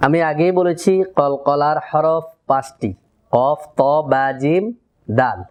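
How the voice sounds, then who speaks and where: A man teaching Quran pronunciation in a methodical tajweed lesson, repeating syllables deliberately for learners to copy. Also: a little high, darkish tone, dull audio. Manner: drills letter sounds, repeats syllables deliberately.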